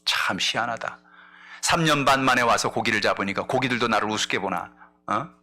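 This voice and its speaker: A male pastor preaching a sermon, telling a story with energy and acting out the characters' lines, moving between loud exclamations and hushed asides. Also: fairly low pitch, fairly quick.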